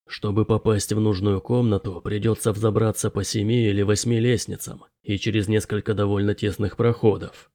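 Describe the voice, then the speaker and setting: A man's voice: lowish voice, little pitch movement, normal speed, few pauses, mellow, no echo, studio quality, pitched below the performer's own voice, close to an everyday voice. A man voicing an elderly, timid male professor in an audiobook, murmuring and hesitant. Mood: worried. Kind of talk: audiobook character voice.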